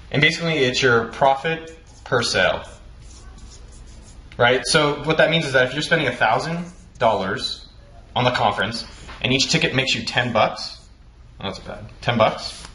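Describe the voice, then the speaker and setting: This host's voice sits in the mid range and has a sharp edge. He gives startup tips in a loose, casual conversation, speaking quickly, cursing without restraint and laughing a lot. Faint noise and echo fill the room.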